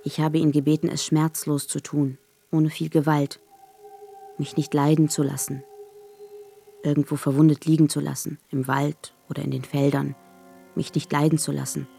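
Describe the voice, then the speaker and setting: An actress narrating in first person as a wounded, desperate young woman in a radio drama, speaking in halting, short, fragmented phrases. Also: deep voice, flat delivery, vocal fry, dark tone, faint music behind. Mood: pleading. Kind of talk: scripted radio drama monologue.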